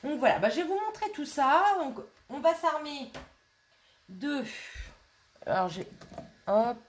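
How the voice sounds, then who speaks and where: Woman, slightly high voice, relaxed live craft host, hesitant and chatty. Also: measured pace. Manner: chatty, hesitant, many fillers and restarts. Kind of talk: casual live demonstration. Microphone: camera on a tripod.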